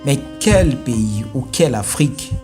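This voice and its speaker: A man's voice: mid-range voice, expressive, measured pace. Male commentary host, emphatic and rhetorical, punchy delivery, faint music bed underneath. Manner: emphatic, rhetorical, rising to forceful peaks. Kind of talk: opinionated commentary.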